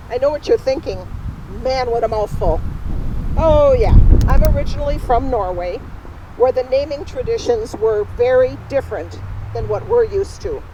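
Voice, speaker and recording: A woman's voice: on the high side, dark tone, a little hiss or hum, rough recording. A woman in costume playing a spirited, independent Norwegian immigrant woman, telling her story in first person straight to a live audience outdoors. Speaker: costumed re-enactor. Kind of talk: first-person historical re-enactment. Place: outdoors at a cemetery.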